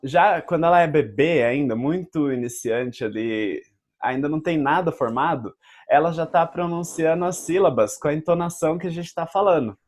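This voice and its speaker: A man's voice: a little high, moderate pace, a little mellow. A man with a Brazilian Portuguese accent, hosting a casual debate and explaining his point patiently with examples. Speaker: host.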